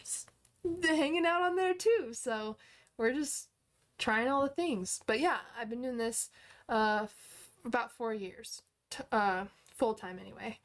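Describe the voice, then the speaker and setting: Fairly high-pitched and a little slow, a woman in her twenties hosts a relaxed livestream and answers what viewers write in. She teaches online courses too, and her upbeat chat keeps stumbling into fillers and restarts.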